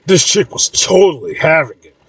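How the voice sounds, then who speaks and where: A man playing a goofy young male stoner who talks in excited slang. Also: on the high side, normal speed, slightly rough, no room sound, heavily acted. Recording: voice a bit far from mic.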